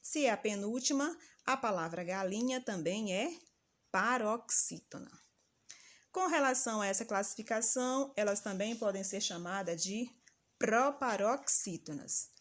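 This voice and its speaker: A woman teacher giving a patient, didactic lesson and calling out example words slowly and loudly. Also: mid-range voice, expressive. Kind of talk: recorded grammar lesson for children.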